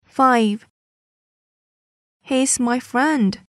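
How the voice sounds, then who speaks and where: Woman reading test sentences really slow, slightly high voice, dry sound. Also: dry recording. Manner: careful, each sentence read twice. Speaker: listening test reader.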